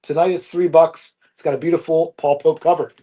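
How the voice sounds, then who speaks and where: Picture a man with a notably high voice selling comic books on a live stream. He rattles off issues and prices in an upbeat, brisk salesman's patter. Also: little pitch movement, warm tone. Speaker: comic book seller on a live auction.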